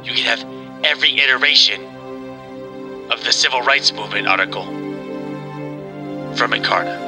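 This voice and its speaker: Guy doing a loud brash ad exec, rambling pitch, music under it. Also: moderate pace, close to an everyday voice. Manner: boisterous, shouting, rambling sales pitch. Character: brash loud male ad executive crashing a video call. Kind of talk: improvised comedy role-play.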